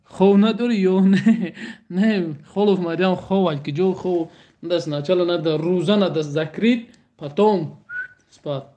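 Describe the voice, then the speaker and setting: High-voiced Tajik man, joking livestream chat. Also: measured pace, dark tone. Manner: joking, speaks broken Russian in short repetitive bursts. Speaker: livestream host. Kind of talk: casual livestream chat with viewers.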